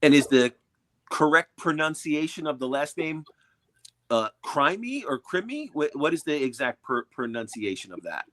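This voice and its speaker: A man's voice: medium pitch, moderate pace, a bit bright. A man co-hosting a podcast, upbeat as he asks questions and thanks his guest. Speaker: podcast co-host. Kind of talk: casual interview.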